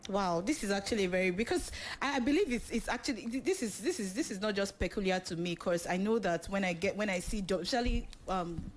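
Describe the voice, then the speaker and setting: A woman hosting a radio talk show, laughing often and filling pauses with "um" while she reads out listeners' questions. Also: medium pitch, lively intonation, a little hiss or hum. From Nigeria. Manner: laughs often, many fillers. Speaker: host.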